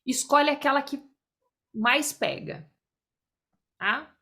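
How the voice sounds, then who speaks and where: A woman's voice: high-pitched, slow, bright, forceful tone. A woman leads an online group exercise over a video call. She explains each step in turn and keeps checking that everyone follows. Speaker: workshop facilitator.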